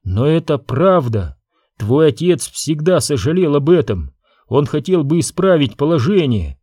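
A man voicing an ailing queen mother who speaks quietly and calmly. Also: on the high side, unhurried, breathy edge, dry recording, studio quality, exaggerated voice. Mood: sorrowful. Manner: quiet, calm, pleading. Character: frail sick queen mother, calm and sorrowful.

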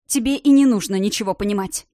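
An icy, commanding middle-aged woman mentor hands down her orders in clipped, measured sentences, as a woman reads her. The voice is mid-pitched and recorded dry and close. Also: mellow, no room sound, natural voice.

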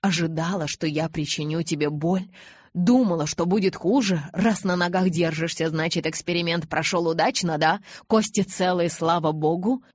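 A woman's voice: steady tone, moderate pace, creaky, darkish tone, husky, no echo, heavily acted. A woman voicing a brooding, icy young vampire. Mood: bitter. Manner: icy, clipped, low-spoken. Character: brooding young male vampire, cold and tormented.

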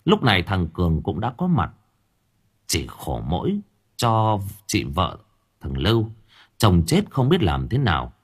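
A man's voice: a little slow, husky. A man narrating a horror story dramatically. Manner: storytelling, dramatic, with lively pitch. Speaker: audiobook narrator.

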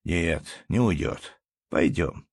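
A man voicing a timid, simple-hearted poor peasant who speaks slowly and humbly. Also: deep voice, no echo, clean studio sound, heavily acted. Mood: humble. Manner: slow, humble, plaintive.

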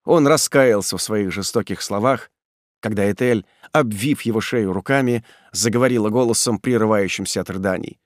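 A man narrating an audiobook of a literary novel in an even, measured way. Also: on the low side, no room sound. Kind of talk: audiobook reading. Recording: dry close-mic studio sound.

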